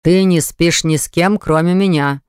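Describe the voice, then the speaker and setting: Man doing stubborn young man, low voice, slow, persuasive, smooth, dry studio sound. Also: dry recording, close to an everyday voice. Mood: pleading. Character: stubborn insistent young man, future father. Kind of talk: audiobook character voice. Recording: dry close studio recording.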